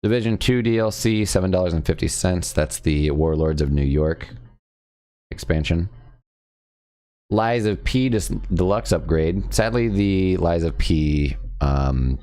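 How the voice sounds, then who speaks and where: Casting: young adult male host, extremely low voice, casual rambling live-stream chatter. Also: expressive, a little slow, dark tone.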